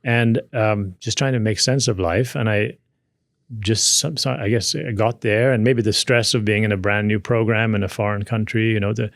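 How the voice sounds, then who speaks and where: A man's voice: on the low side, fairly even intonation, normal speed, no echo, studio quality. A man of around sixty with a Maltese accent, speaking conversationally as an interview guest and telling personal stories in a self-deprecating way. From Malta. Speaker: podcast guest.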